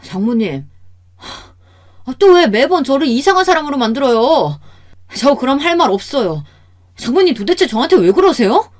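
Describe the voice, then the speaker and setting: A woman's voice: fairly high pitch, lively intonation, a little fast, a little mellow, voice pushed up. Brief: woman reading a frustrated son-in-law in a radio story, strained and raised, sighing "ah". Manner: complaining, keeps sighing "ah" before lines. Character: exasperated middle-aged son-in-law, pleading and frustrated.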